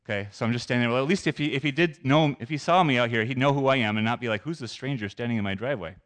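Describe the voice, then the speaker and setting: A man's voice: medium pitch, rapid-fire, fairly bright tone. Earnest man telling a faith story. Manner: earnest, self-deprecating, conversational. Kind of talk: personal testimony storytelling.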